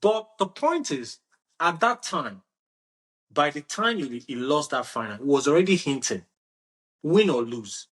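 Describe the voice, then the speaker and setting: A man hosting a casual football discussion, animated and restarting his sentences often. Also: on the high side, measured pace. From Nigeria. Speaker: podcast host.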